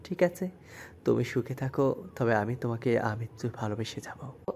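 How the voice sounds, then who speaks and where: A man's voice: medium pitch, expressive, moderate pace, gravelly, a little mellow. A man playing a heartbroken young former lover, speaking in a mournful, pleading way in an audio story. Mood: bitter. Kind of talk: Bengali audio story acting.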